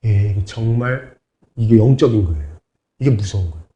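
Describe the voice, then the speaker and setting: A man's voice: on the low side, expressive, brisk, warm tone. A man preaching as pastor to his congregation, asking them to repeat after him and answer back. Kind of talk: sermon. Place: church sanctuary. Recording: echoey church hall.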